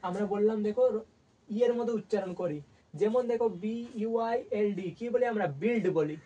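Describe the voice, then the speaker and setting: A man from West Bengal gives a language lesson in a husky, slightly breathy voice. The mic sits some way from him, so he sounds distant. He asks a question, answers it himself, and says each example word twice. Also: high voice, a little fast, mellow, lo-fi sound. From West Bengal, India. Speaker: English teacher.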